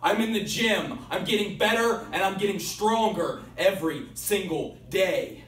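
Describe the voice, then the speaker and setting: A young man delivering a menacing, theatrical wrestling promo, moving between low muttered threats and loud ones, in a small bare room. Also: animated, measured pace, a little hiss or hum. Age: young adult. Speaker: professional wrestler. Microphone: camera a few feet away. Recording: roomy echo, distant camera mic.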